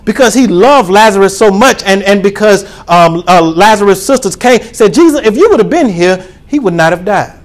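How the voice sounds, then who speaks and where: High-voiced man preaching a lively sermon. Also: moderate pace, few pauses. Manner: call-and-response preaching, rising to shouts. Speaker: pastor.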